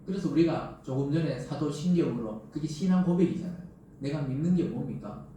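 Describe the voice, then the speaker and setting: A middle-aged male pastor with a Gyeongsang accent preaches in a chatty, animated way, throwing out rhetorical questions. His voice is mellow and sits a bit high for a man. He is picked up from a distance in a large, strongly echoing church sanctuary with faint room noise. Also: fairly quick. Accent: Gyeongsang Korean. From Gyeongsang region of Korea. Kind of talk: sermon. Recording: very echoey church hall from a distance.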